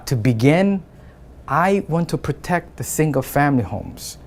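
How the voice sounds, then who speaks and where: A man from Somalia, a city council candidate, giving an earnest campaign statement in plain phrasing with a few hesitant fillers. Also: on the high side.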